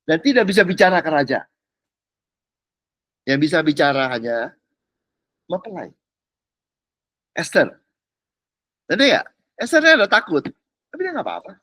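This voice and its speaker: A man's voice: fairly high pitch, normal speed, long pauses, dry recording, low-quality recording. A man giving a casual, slangy sermon as pastor, often checking that his listeners follow. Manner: animated, slangy, keeps asking "ngerti nggak?".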